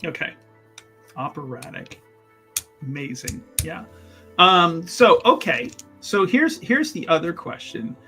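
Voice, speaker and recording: Over soft background music, a man with a fairly high voice walks through his moves in a tabletop roleplaying game, wordy and casual as he rephrases his thoughts aloud. He is very animated but takes his time.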